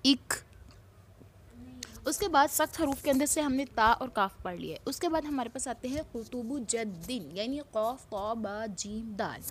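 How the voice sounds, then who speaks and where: A woman's voice: fairly high pitch, a little hiss or hum. A woman teaching Quran recitation rules, patiently spelling out letter sounds one at a time and repeating them for drills. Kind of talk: slow, deliberate tajweed lesson with drills.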